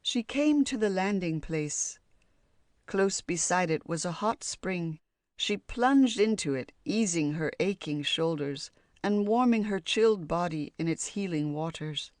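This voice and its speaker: Slow, calm woman reading a fairy tale. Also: lowish voice, no room sound, clean studio sound. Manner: calm, measured, storybook reading. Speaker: audiobook narrator. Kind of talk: scripted fairy tale narration.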